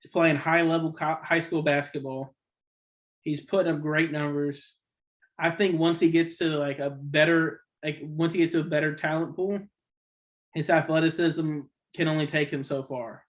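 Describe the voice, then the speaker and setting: A man's voice: on the high side, level tone, moderate pace. A man hosting a casual sports podcast, rambling and opinionated, correcting himself often, with the hiccups. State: has the hiccups. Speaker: podcast host.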